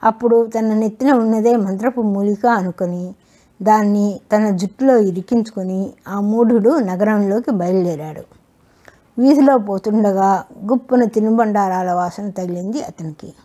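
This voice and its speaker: A woman narrating a folk tale in a steady, measured storytelling manner. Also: medium pitch.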